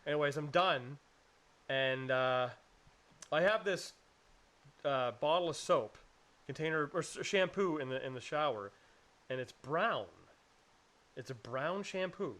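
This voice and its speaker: A man co-hosts a casual podcast chat. His voice sits a little high for a man, and he tells stories in a rambling way, swearing freely and acting out what people said. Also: measured pace, long pauses, a bit bright. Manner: rambling storyteller, swears, acts out quotes. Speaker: podcast co-host.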